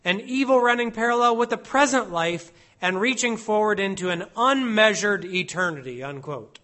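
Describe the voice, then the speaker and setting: Guy preaching slow and careful, hits every word, pretty high clear voice. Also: animated, pushed and bright. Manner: slow and deliberate, stressing each word, reads Hebrew and Latin aloud. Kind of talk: expository sermon.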